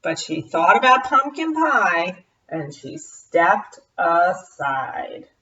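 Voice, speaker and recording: Slow, expressive woman reading aloud. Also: on the low side. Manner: expressive read-aloud, leaning on repetition. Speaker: storyteller. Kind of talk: reading a picture book aloud. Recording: roomy, distant, dull sound.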